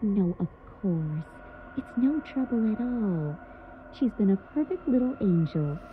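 A woman's voice: medium pitch, animated, a little slow. A woman narrator voicing a polite, reassuring aunt on the phone, heard muffled through a wall. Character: cheerful aunt on the phone, middle-aged woman. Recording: muffled, tinny, faint hiss.

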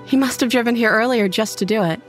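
A woman reading a first-person horror story in an intimate, expressive way. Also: a little high, fast, soft background music. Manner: intimate, expressive, voices her own character's lines. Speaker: narrator.

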